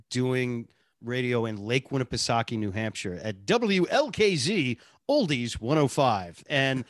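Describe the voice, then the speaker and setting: A man's voice: medium pitch, dry recording, clean studio sound. A man from Boston, a radio producer and sidekick, telling his story in an earnest, chatty interview with self-deprecating asides. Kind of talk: casual interview chat.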